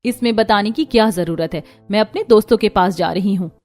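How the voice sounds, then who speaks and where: A woman voicing a spoiled, sharp-tongued young daughter in an animated story, whiny and snappy. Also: mid-range voice, a little fast, faint music behind, lightly acted. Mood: defiant.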